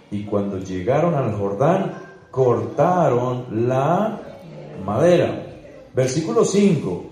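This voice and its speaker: A man preaching as pastor, with dramatic swings in pitch and pace, praying fervently. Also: warm tone. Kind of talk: sermon. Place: church. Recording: echoey church hall.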